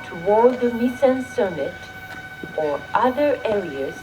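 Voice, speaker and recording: A woman reading a formal, polite transit announcement, heard over a public-address loudspeaker. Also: medium pitch, expressive, a little slow. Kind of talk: recorded bilingual transit announcement. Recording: echoey space from far off, noisy.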